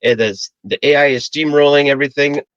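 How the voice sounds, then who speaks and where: A man's voice: fairly high pitch, brisk, a bit bright, clear, resonant tone, no echo. Podcast guest, man in his forties from the Philippines, friendly and joking, dry and dull lo-fi sound. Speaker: guest, AI consultant. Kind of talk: casual interview chat.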